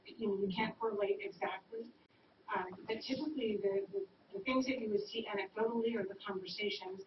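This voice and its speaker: A woman administrator answers a school board's questions in a measured, explanatory way, pausing on frequent ums. She sounds far from the mic in an echoey room, and the recording is dull with steady noise behind her. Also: mid-range voice.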